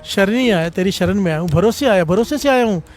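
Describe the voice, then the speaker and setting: A man delivers a devotional sermon in a high voice, weaving a story between refrains the congregation answers. Soft music plays faintly underneath. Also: animated, fairly quick. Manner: calls out refrains for congregation response. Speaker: preacher.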